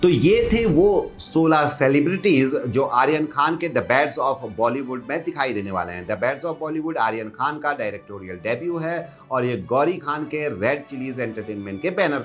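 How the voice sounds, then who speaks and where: A man's voice: medium pitch, expressive, moderate pace, hardly any pauses, faint music behind. A man reading a scripted entertainment news roundup in an upbeat, gossipy way.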